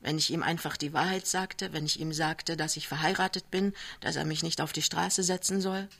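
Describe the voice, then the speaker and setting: A mild young clerk, gentle and a little hesitant, who frets about his job, as a woman reader voices him. The pitch is kept near her own, with soft, halting phrasing in a radio book reading. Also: steady tone, gravelly, exaggerated voice. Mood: worried. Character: young man, worried mild-mannered clerk husband.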